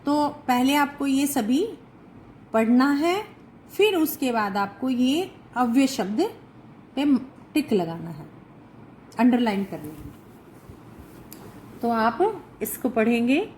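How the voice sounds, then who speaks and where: A woman teacher with a fairly high voice works through a recorded lesson at a very slow, unhurried pace. She reads each phrase, then stops to translate and explain it. A faint hiss of noise sits under her voice. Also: big pitch swings, a little mellow, rough recording. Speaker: Sanskrit teacher.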